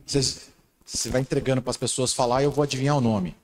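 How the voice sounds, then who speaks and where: A middle-aged man with a Brazilian Portuguese accent, preaching a lively sermon and playing a game with his congregation. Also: mid-range voice, fast, slight background noise. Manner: playful, laughing, animated. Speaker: pastor.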